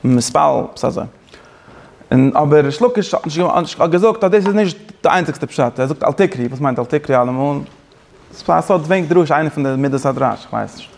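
A man teaching a Torah class, talking fast with many restarts and mixing in Hebrew and English phrases. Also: on the high side, animated, gravelly, darkish tone. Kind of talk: Talmud-style lecture.

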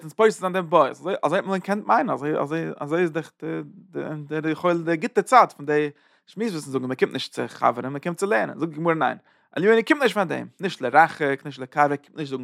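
A man giving a rambling, animated Torah talk in Yiddish-laced speech, with frequent restarts. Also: fairly high pitch, gravelly, no echo, clean studio sound. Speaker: Torah teacher.

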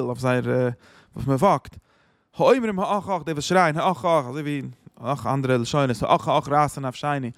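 A man's voice: fairly high pitch, dry recording, studio quality. A man explaining a psalm chapter, quoting verses and translating them with many restarts. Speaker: Torah teacher.

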